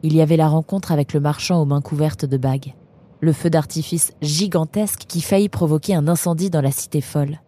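A woman narrating a storybook in a steady, even storytelling manner. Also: low voice, brisk.

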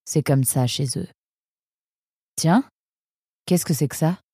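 A man voicing a reserved young female animal in a storybook, flat and matter-of-fact. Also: a little high, slow, breathy edge, no room sound, clean studio sound, heavily acted.

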